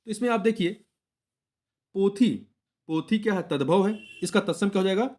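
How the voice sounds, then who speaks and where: A young man with a high-pitched, slightly mellow voice explains Hindi test answers at a normal speed. Teaching exam preparation, he goes through the questions one at a time, patiently repeats each answer, and corrects himself mid-word.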